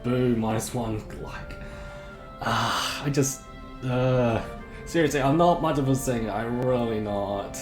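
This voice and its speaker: This is a casual live game stream where a man with a sore throat chats and rambles, regularly correcting himself partway through sentences. His medium-pitched voice comes across plain, monotonous and droning, with room echo and faint music behind him.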